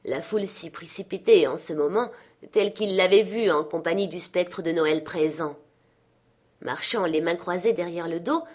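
A woman reading a classic novel aloud as an audiobook narrator, in an even storytelling manner. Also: medium pitch. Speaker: audiobook reader. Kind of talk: scripted narration.

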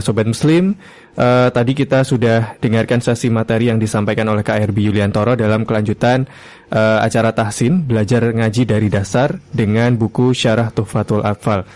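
A man hosting a live religious lesson on the radio, speaking politely and in a measured way straight to listeners. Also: mid-range voice, fairly even intonation, a little mellow. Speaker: radio host.

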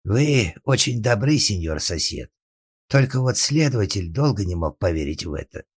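An actor playing a timid, frightened carpenter who pleads and stammers in an audiobook. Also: male voice, on the low side, sing-song, moderate pace, breathy edge, no room sound, studio quality. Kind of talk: audiobook character acting.

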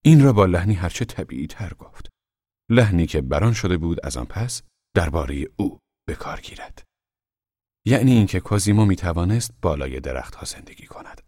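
A man narrating an audiobook in a calm, measured way. His voice is extremely deep and husky, recorded dry and close with no room sound. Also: no room sound.

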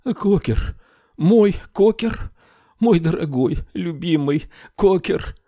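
A man voicing a frail, grumpy old woman in an audiobook, with high cracking cries. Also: big pitch swings, slow pace, no room sound, clean studio sound. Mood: tearful joy.

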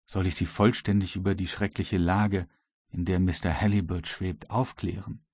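A male audiobook reader voicing a worried but resolute ship captain, with a husky voice. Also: deep voice, fairly even intonation, moderate pace, darkish tone, no echo, clean studio sound. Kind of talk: audiobook reading.

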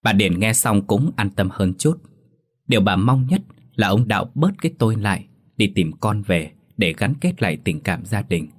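A man narrating a ghost story in a dramatic, steady storytelling manner. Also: fairly low pitch, normal speed, husky.

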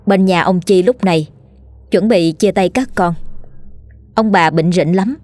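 A woman narrating a scripted ghost story in a steady, measured way. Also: fairly low pitch, no room sound.

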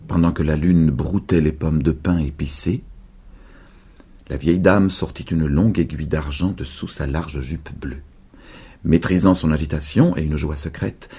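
Low raspy guy narrating a story for radio, dark voice.

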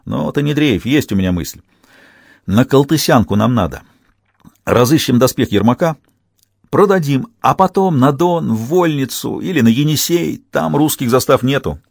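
A male audiobook narrator voicing a sly, restless soldier who talks quickly and in a conspiratorial, snapping way. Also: mid-range voice, lively intonation, vocal fry, no room sound, studio quality, pitched above the performer's own voice. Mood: urgent.

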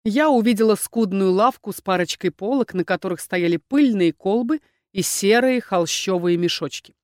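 A woman reading a fantasy novel aloud in the first person, with steady storytelling. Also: medium pitch, normal speed, no echo, studio quality. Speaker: narrator. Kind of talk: audiobook narration.

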